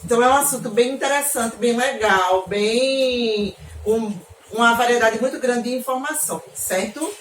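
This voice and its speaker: A woman's voice: a little high, normal speed, slight background noise. A woman from Northeast Brazil teaching an online geography class to children, affectionate and often checking in with questions. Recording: echoey room, mic at a distance.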